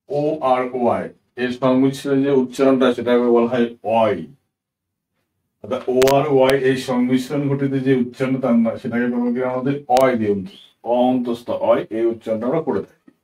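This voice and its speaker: A man teaching English pronunciation in a patient spoken lesson. He spells out example words slowly letter by letter and often checks in with his listeners. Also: mid-range voice, mellow. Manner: patient, addresses viewers as friends, asks "ঠিক আছে?", corrects himself with "sorry". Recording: echoey room, voice a bit far from the mic.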